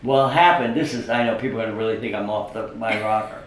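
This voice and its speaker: An older man, a psychic, telling stories in an interview, acting out what people said and filling pauses with "uh". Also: fairly low pitch. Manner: animated storyteller who acts out quoted speech, with frequent "uh" fillers. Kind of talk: interview storytelling. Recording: roomy sound from a distant mic.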